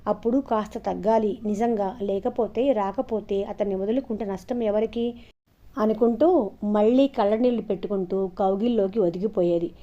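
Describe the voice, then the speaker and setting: A woman storyteller narrating an audio novel in an expressive, steady way, in a dull lo-fi recording. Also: mid-range voice, normal speed.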